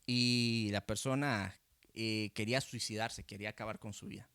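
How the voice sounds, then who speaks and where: A man's voice: lowish voice, fairly even intonation, normal speed, fairly bright tone, smooth, no room sound. A male pastor with a Costa Rican Spanish accent, teaching a sermon in a conversational way and often checking with "¿verdad?", speaking into a handheld microphone. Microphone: handheld microphone facing a camera.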